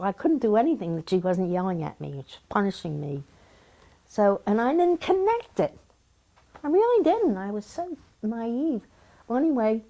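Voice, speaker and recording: Older woman, lively laughing storyteller. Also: mid-range voice. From Philadelphia. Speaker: interviewee recalling childhood. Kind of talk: reminiscing interview.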